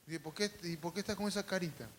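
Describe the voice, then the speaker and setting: A man preaching a sermon to a congregation, calling out for responses, adding humorous asides, and swinging between loud and hushed. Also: high voice, fast talker, a little hiss or hum. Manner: calls out to the congregation and asks for responses. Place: church service.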